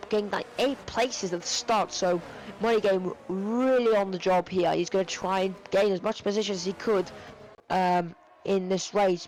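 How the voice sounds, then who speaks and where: A man giving live sim racing commentary, excitable and rambling with many fillers, his voice going hoarse and cracking. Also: high-pitched, slight background noise, low-quality recording. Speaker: race commentator.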